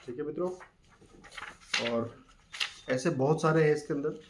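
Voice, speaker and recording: A man hosting a talk, reading scripture verses aloud slowly and then explaining them in plain with mixed in. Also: a little high, slight background noise. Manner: reads quotes slowly, then explains in plain Hindi with English words. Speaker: channel host explaining a scripture.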